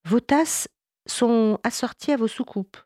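Lady doing a quiet little poor girl in a story, higher voice. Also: lively intonation, measured pace, no echo, studio quality. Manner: quiet, plain.

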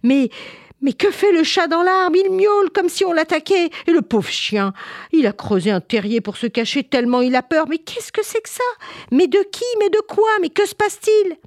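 A woman's voice: on the low side, big pitch swings, measured pace, darkish tone, no echo, studio quality. A woman voicing a panicked mother who scolds her children in a storybook tale. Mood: alarmed. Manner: exclamatory, rising questions.

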